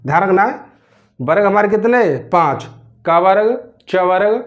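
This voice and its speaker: High-voiced male teacher, dull recording. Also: expressive, measured pace. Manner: asks rhetorical questions and answers them himself; keeps checking in with "theek hai na". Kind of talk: classroom grammar lesson.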